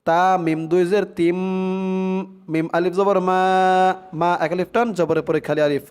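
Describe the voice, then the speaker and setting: A man teaching Quran recitation, spelling out syllables and chanting verses slowly for learners to repeat. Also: on the high side, steady tone, darkish tone, clear, resonant tone, faint music behind. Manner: slow, drawn-out chanting of verses between quick explanations. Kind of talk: tajweed lesson, spelling out and reciting.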